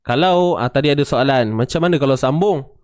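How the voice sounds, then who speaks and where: A man's voice: mid-range voice, a little fast, clean tone. A man with a Malaysian Malay accent teaching Quran recitation in a casual lesson, often checking that listeners understand and chanting examples.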